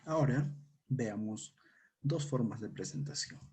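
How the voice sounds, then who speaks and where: A man's voice: mid-range voice, animated, measured pace, a little mellow, husky. A man with a Peruvian Spanish accent teaching a language lesson, patiently repeating each word for learners to echo. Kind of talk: slow spoken language lesson.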